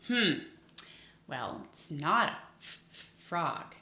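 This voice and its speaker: A woman teacher tutoring young children in phonics, sounding out letters expressively with exaggerated gasps and hushed asides. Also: sits low, big pitch swings, slow pace. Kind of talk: children's lesson addressed to viewers. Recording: roomy echo.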